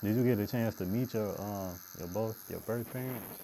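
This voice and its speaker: Podcast host, very low voice, relaxed, with light background hiss. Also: male voice, normal speed, low-quality recording. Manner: laid-back, short affirmations. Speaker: podcast host, tattoo artist. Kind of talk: casual interview.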